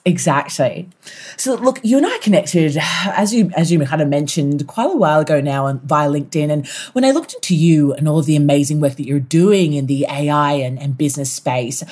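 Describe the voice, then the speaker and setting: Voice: medium pitch, expressive, fairly quick, darkish tone, no echo. A podcast host reading an intro and chatting with a guest in an upbeat, enthusiastic way. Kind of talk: scripted intro and casual interview.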